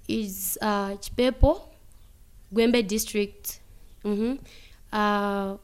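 A young woman from Zambia with a Zambian accent, answering interview questions about playing football, halting and mixing in local words. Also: a little high, clean tone. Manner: mixes English with local words, halting with many fillers.

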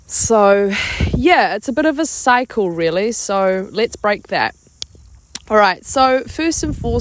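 A woman giving casual, encouraging motivational talk as a podcast host, pausing often as she finds her words. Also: medium pitch. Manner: informal, encouraging, hesitant with pauses. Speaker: podcast host, life coach. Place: outdoors. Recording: outdoors with clear background insect noise.

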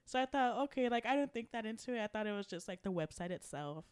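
A woman's voice: mid-range voice, animated, quick pace, clean tone. A young woman chatting casually and telling a story, swearing often, laughing a lot and acting out the people she quotes. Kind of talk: casual chat.

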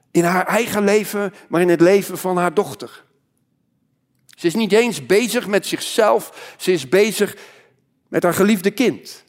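Male pastor, high voice, impassioned sermon, swings from loud to hushed.

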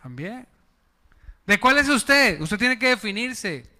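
With an unhurried, sing-song delivery and a bright, high voice, this male pastor preaches to his flock. He peppers them with questions and draws call-and-response from them, his words echoing with long hall reverb.

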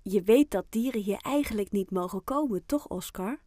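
A woman voicing a kind, cheerful female after-school carer in a children's audiobook, speaking gently and in a friendly way. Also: mid-range voice, lively intonation, normal speed, no room sound, natural voice. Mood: gentle.

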